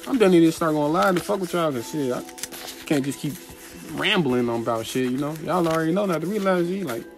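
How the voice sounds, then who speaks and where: A man's voice: a little high, fairly quick. Profane, rambling man over background music. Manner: profane, slangy, rambling, gets animated. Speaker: motivational vlogger. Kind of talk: casual rambling monologue. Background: music playing in the background.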